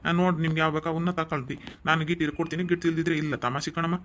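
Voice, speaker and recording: A man's voice: fairly high pitch, little pitch movement, background noise, close to an everyday voice. A man doing a joking old cloth peddler. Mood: pleading. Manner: joking, pleading, quick. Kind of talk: cartoon voice acting.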